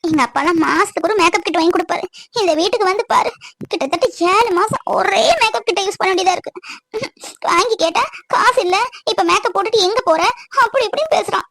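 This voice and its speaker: A sharp-tongued young wife who scolds and complains in long rapid rants. Her voice is very high and squeaky, sped up like a cartoon, and sits dry and close to the mic. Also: creaky, no echo, full character voice. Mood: complaining. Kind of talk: cartoon voice acting.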